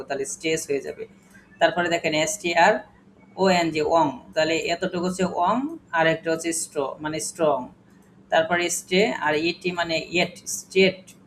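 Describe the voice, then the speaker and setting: A man's voice: on the high side, fairly bright tone, slight background noise, low-quality recording. A man teaching an English class, patiently spelling words letter by letter and quizzing his students. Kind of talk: classroom lesson.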